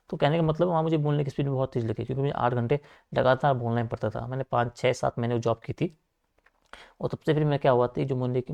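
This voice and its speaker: Gravelly young male coaching teacher. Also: mid-range voice, warm tone. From Uttarakhand, India. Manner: talks fast, repeats filler like "theek hai" and "aapka". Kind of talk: online lecture, informal asides to students.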